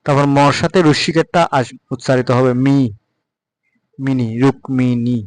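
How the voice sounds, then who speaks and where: A man with a Bengali accent giving a patient spoken pronunciation lesson, repeating example words slowly. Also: medium pitch, steady tone, smooth, dry recording, low-quality recording. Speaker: Sanskrit recitation teacher.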